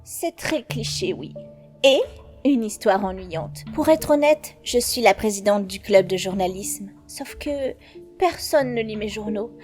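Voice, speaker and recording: A woman voicing a sly, composed teenage schoolgirl informant in a French anime fan dub, speaking in a knowing, measured way. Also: mid-range voice, animated, darkish tone, faint music behind, lightly acted. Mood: scheming.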